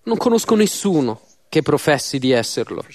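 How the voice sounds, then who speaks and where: A man interpreting a church sermon in an earnest, measured way with slow pauses. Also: a little high, very animated, darkish tone.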